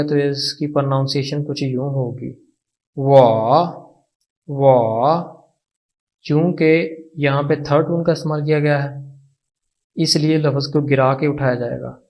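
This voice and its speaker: Speaking in a somewhat high, slightly mellow voice, a Pakistani Urdu-accented man leads an online language class. He goes slowly and patiently, saying every word again for practice.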